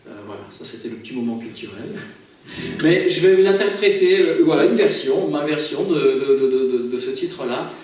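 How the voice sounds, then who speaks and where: A man's voice: fairly high pitch, expressive, fairly quick, darkish tone. A man introducing a song at a church, chatty and often repeating words as he restarts his sentences. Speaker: guest singer at a church. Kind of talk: casual spoken introduction to a song. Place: church hall. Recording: very echoey hall, from far off, faint noise.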